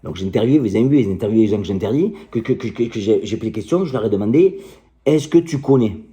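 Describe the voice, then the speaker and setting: Middle-aged male coach, deep warm timbre, combative and passionate, talks straight to camera. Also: expressive, fast talker, muffled recording. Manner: combative, heated, passionate, crude. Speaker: martial arts coach. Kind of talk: direct-to-camera rant.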